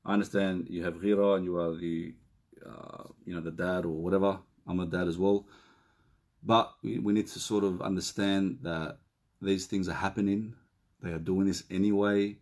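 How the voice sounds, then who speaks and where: A middle-aged man giving relationship counselling in a live question and answer session, chatting casually, reading out viewer questions and slowing down to repeat key points. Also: low voice, fairly even intonation, darkish tone. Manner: conversational, reads out viewer questions; slows down and repeats key phrases.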